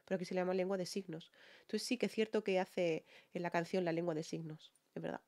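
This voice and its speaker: Speaking with a Peninsular Spanish accent, a female singer reacts excitedly to music for her viewers, often repeating words for emphasis and tossing them frequent tag questions. Her pitch is fairly low and her pace quick.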